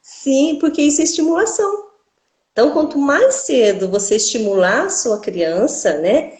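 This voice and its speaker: A woman's voice: high voice, lively intonation, moderate pace, darkish tone, roomy sound. A woman speech therapist with a Brazilian accent explains things in a didactic way in an interview and often ends her phrases with "né?". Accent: Brazilian Portuguese.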